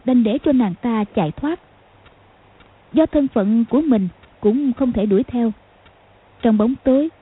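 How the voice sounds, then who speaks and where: A woman narrating a martial-arts novel as an audiobook, in a steady storytelling delivery. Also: a little high, husky. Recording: tinny phone-like sound.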